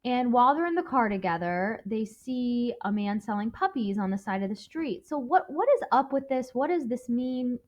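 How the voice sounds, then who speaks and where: A woman's voice: on the high side, lively intonation, normal speed, few pauses, darkish tone. A woman teacher going over a novel with her students, chatty, checking in with "okay?" again and again. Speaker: English teacher. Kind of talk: recorded classroom lesson review. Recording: dull lo-fi audio.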